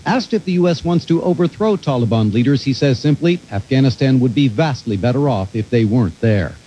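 A man's voice: medium pitch, lively intonation, fairly quick, mellow, husky, lo-fi sound. An American man giving a scripted radio news report as a correspondent.

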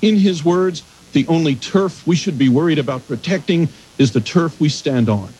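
American male correspondent, fairly high husky voice, scripted report. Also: normal speed, darkish tone, rough recording. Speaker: news correspondent.

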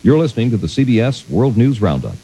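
A man's voice: mid-range voice, very animated, fast, mellow, slightly rough, poor audio. An American man anchoring a radio news roundup, reading from a script.

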